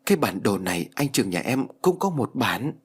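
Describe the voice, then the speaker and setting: A man's voice: medium pitch, very animated, fairly quick, husky. A man voicing a frightened, tearful young widow in an audiobook ghost story. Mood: fearful. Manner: tearful, fearful storybook dialogue.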